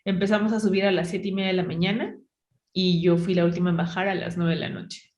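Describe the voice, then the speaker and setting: A woman's voice: fairly low pitch, fairly even intonation, quick pace, a little mellow, reverberant. A woman with a Mexican accent hosting a podcast, chatting casually and filling her story with "o sea" and "¿no?". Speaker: podcast host. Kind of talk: casual chat.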